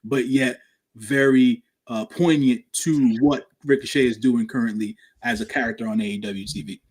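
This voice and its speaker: A man co-hosting a podcast, giving measured, hedging commentary in casual chat. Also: mid-range voice, steady tone, a little mellow, breathy edge. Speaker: podcast co-host.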